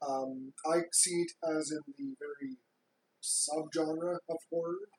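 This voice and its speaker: A woman's voice: sits low, slow, a little mellow. A woman co-hosting a podcast in a casual, conversational way. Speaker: podcast co-host. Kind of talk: casual chat. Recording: roomy, with some background noise.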